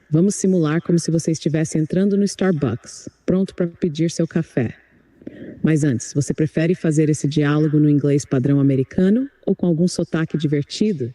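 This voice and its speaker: A man's voice: on the high side, normal speed, dark tone, no room sound. A computer-generated male voice acting as an English tutor, speaking in an upbeat, encouraging, polished way. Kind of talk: chatbot voice giving an English lesson.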